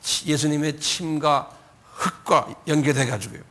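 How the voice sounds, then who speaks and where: A man's voice: on the high side, a little slow, a bit bright. A man preaching a Sunday sermon, speaking conversationally. He repeats and corrects himself often and raises his voice when acting out quoted pleas. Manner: frequent repetitions and self-corrections. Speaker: pastor.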